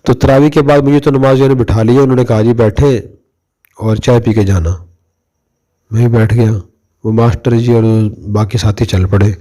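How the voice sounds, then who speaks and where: A middle-aged male preacher from Pakistan recounts a memory in an easy, conversational sermon style. His voice is mellow and warm, and he speaks at a middle pitch. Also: steady tone. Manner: conversational, anecdotal, addresses listeners directly. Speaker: Islamic preacher. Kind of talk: storytelling religious talk.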